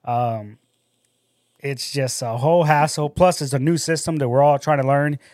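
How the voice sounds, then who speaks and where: A man co-hosting a casual podcast, rambling through work stories in an animated way and swearing a lot. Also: mid-range voice, moderate pace, no echo, clean studio sound. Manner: rambling, profane, animated storytelling. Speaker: podcast co-host and store manager.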